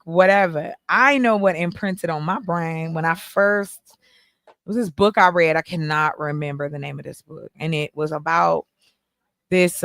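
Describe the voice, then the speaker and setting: A woman hosting a casual group chat in a playful, teasing, animated manner. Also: fairly low pitch, no echo, clean studio sound. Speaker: host.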